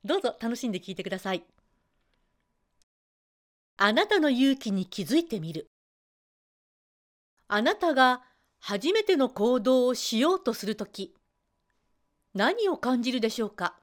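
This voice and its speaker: Lively chatty woman voice coach. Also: a little high, normal speed, long pauses. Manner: chatty, acts out quoted students. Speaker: voice trainer. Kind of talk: spoken self-help talk.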